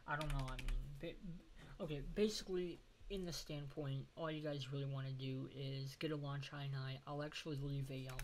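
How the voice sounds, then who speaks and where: A man giving a casual, hesitant tech tutorial, sounding nasal and stuffed up, as with a broken nose. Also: mid-range voice. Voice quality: nasal, congested as after nose surgery. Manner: hesitant, informal explaining. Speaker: tutorial host. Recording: noisy home screen recording.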